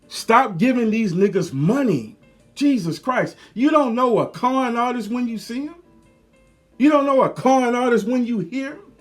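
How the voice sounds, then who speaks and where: A man's voice: very high-pitched, lively intonation, a little slow, faint music behind. A man ranting heatedly to his viewers, profane, preachy and repetitive. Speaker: video commentator. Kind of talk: angry rant to camera.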